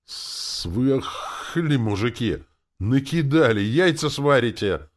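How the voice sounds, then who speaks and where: A man's voice: extremely low pitch, lively intonation, normal speed, full character voice. A man voicing a brash, crude young villager who talks in a mocking way. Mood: yelling.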